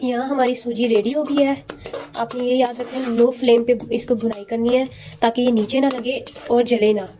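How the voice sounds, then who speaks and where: A woman host walking viewers through a home recipe with calm, polite, step-by-step instructions. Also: fairly high pitch, moderate pace. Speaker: cooking channel host.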